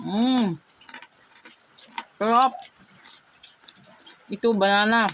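A woman's voice: fairly high pitch, fairly even intonation, very slow, a bit bright, a little hiss or hum. A Filipino woman chatting casually as a vlogger, speaking with missing front teeth. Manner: talks while chewing and tasting. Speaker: vlogger hosting a mukbang. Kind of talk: casual vlog chat.

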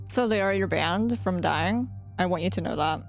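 A woman's voice: on the low side, lively intonation, measured pace, faint music behind. A young woman streamer giving casual, anxious reaction commentary on a game she is playing for the first time, often repeating herself and giggling. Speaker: gaming streamer.

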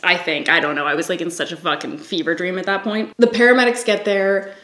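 A woman's voice: lowish voice, fairly quick. Woman telling a story, echoey room. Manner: swears freely, laughs often, lively. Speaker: vlogger. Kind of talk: casual storytelling.

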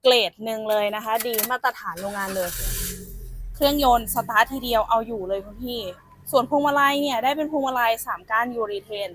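Young saleswoman, slightly high voice, chatty and familiar, outdoor car-lot walkaround. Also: fairly quick, fairly bright tone, slight background noise. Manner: chatty, addresses viewers as elder sibling.

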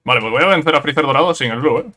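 A man from giving casual let's-play commentary on a fighting game, excitable, repeating words in quick bursts and ending phrases with "eh?". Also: on the high side. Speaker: gameplay commentator.

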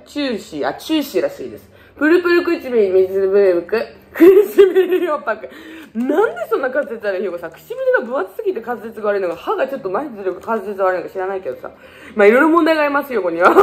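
Talking at a quick clip, a twenty-something beauty vlogger from Fukuoka walks through a casual shopping haul, making jokes at her own expense and slipping into playful tangents. Her pitch keeps swinging up and down.

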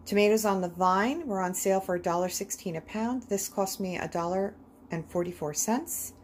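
A woman narrating a budget grocery vlog in voice-over, calmly listing each item and its price. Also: medium pitch, moderate pace, slight background noise. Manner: calm, list-like item-by-item rundown of prices.

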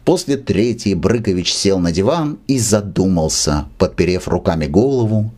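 A man narrating a classic short story with an expressive literary reading. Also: sits low, normal speed. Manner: expressive reading, lively intonation.

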